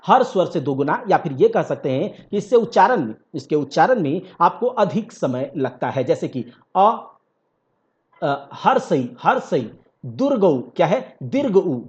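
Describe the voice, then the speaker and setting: A man's voice: fairly high pitch, darkish tone. A man teaching an exam-prep grammar lesson, repeating key points and asking the class rhetorical questions. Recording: dull lo-fi recording.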